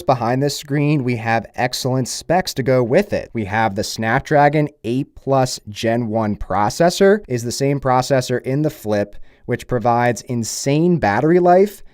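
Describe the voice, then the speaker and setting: A man's voice: mid-range voice, normal speed, few pauses, darkish tone, no room sound, clean studio sound. A man giving a casual, upbeat product review in a conversational, approving way. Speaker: tech reviewer.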